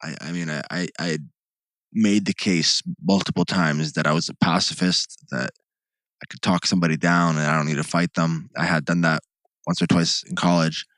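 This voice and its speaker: A young man co-hosting a podcast, telling a rambling, animated story full of restarts and "like". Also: sits low, normal speed, no room sound. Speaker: podcast co-host. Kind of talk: casual chat, storytelling.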